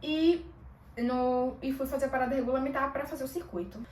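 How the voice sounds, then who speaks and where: A woman vlogger telling a personal story in a casual, animated way, acting out bits of dialogue. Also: high-pitched, a little fast. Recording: echoey room, mic a bit far off.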